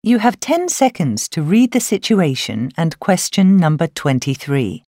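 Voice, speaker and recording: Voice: medium pitch, big pitch swings, a little slow, dark tone, no room sound, studio quality. A narrator reading scripted exam instructions in a formal, instructional manner. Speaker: listening test narrator.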